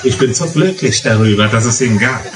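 A man's voice: medium pitch, animated, brisk, heavy background noise. A middle-aged man from the Palatinate with a Palatinate German accent, preaching a sermon through stories with emphatic repetitions. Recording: echoey hall, distant mic, faint music.

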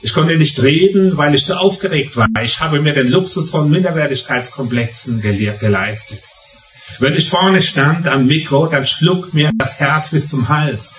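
A middle-aged man from the Palatinate, speaking with a Palatinate German accent, preaches a sermon through stories and emphatic repetitions. His voice is on the high side and a bit bright, at a normal pace. Slight background noise and faint music come through a distant mic in an echoey hall.

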